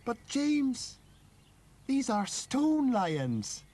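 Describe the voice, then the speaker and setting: A man voicing a fussy motherly lady in a high, fluttery, doting voice. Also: sing-song, extremely slow, mellow, exaggerated voice.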